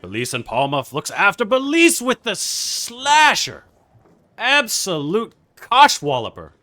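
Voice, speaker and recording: A hammy mock British esports caster, put on by a man who piles on random slang in a bright, forceful voice. He calls the plays with big jumps in pitch. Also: animated, a little slow, exaggerated voice.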